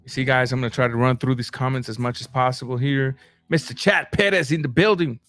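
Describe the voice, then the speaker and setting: A Cuban man hosts a casual boxing livestream, reading out viewer comments at a fast pace with faint music behind him. He's animated, stumbling over his words, repeating and restarting, and his pitch jumps up in high bursts.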